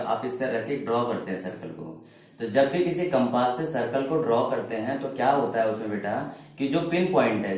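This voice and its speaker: Male math teacher, patient repeating questions, mid-pitched voice, very echoey room. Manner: asks students questions and answers them himself, repeating key terms; calls students "beta", mixes Hindi with English phrases. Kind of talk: classroom geometry lesson.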